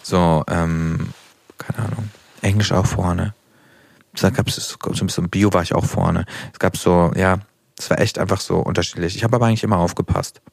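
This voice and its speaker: A young man with a lowish, husky voice chats with a friend as a guest. He is hesitant and thinks aloud with fillers, and the sound is close and dry. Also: fairly even intonation, normal speed, dry recording. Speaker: guest YouTuber. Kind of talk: casual chat with a friend.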